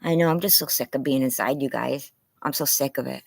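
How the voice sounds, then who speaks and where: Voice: mid-range voice, fairly quick, gravelly, no echo. Anxious livestreamer talking through a face mask. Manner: apologetic, rambling. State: strained tired throat, voice wearing out. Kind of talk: casual livestream chat. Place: outdoors in a yard.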